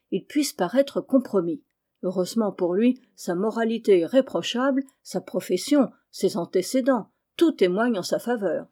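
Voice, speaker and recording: A woman's voice: mid-range voice, dark tone, lightly acted. A woman reading the part of an anxious middle-aged landlady and mother, agitated and earnest, in an audiobook.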